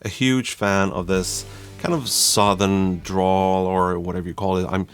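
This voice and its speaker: A man from Sweden, reviewing software in a chatty, self-deprecating tutorial style. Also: sits low, little pitch movement, measured pace, soft background music. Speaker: YouTube reviewer. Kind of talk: casual tutorial talk.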